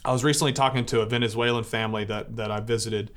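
Man telling stories, relaxed and chatty. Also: medium pitch, fast talker. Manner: relaxed storytelling with filler words. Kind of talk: informal talk to a church audience.

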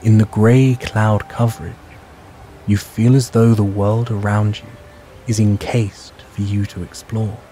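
Calm guy doing a bedtime sleep story, really soft mellow tone, slow and measured, bit of ambience behind. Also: lowish voice, slight background noise. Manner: calm, measured, hushed guiding delivery.

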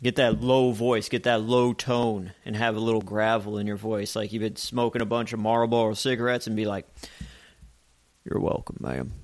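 A man's voice: lowish voice, fairly quick, few pauses. Joking male radio show host. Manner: joking, animated, chatty. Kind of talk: comedic podcast segment.

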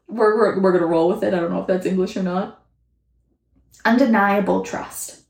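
A woman hosting a spiritual podcast in chatty, animated casual talk, mildly profane and often laughing, recorded on her phone. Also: mid-range voice, moderate pace, creaky, reverberant. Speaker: podcast host and channeler.

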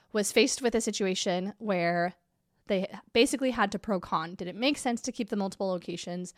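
A congested woman hosts her business podcast in a candid, upbeat chat. Her voice sits at a middle pitch. The sound is dry and close, with no room around it. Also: dry recording. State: congested from a cold. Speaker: podcast host and business coach. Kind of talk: casual solo podcast talk.

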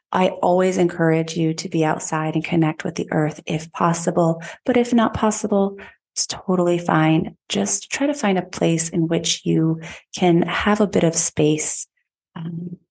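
A woman podcast host and yoga teacher leading a guided meditation in a slow, soothing, calm way. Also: on the low side, vocal fry, breathy edge.

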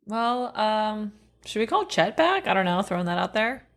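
This woman co-hosts a podcast, bringing an earnest, playful energy to casual, comedic chat and often asking questions. Her mid-range voice is gravelly and sing-song, moving at a normal speed.

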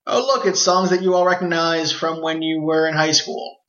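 A man's voice: on the high side, level tone, moderate pace, fairly bright tone. A young man co-hosting a podcast, chatting casually about a film and stumbling over the first words of his sentences. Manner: hesitant, repeats words when starting. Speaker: podcast co-host. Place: apartment with open windows. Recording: roomy, dull lo-fi sound.

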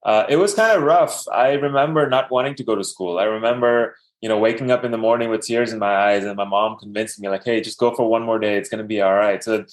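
A man's voice: on the low side, fast, hardly any pauses. A man in his thirties from Dubai, a podcast guest telling his life story casually, with many fillers and restarts.

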